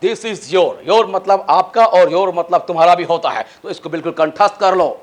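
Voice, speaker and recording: Lecturing in Hindi on spoken English, this fairly high-voiced Indian-accented teacher spells words out one letter at a time and slowly stretches his example sentences. He keeps pushing his students to learn everything by heart.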